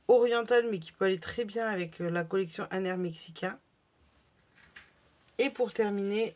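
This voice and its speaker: A woman talks through her craft haul in a relaxed, chatty way. She pauses often to search for words and restarts her phrases, and her voice sits at an ordinary mid pitch. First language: French. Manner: chatty, hesitant with many fillers. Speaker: crafting vlogger. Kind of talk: casual haul video.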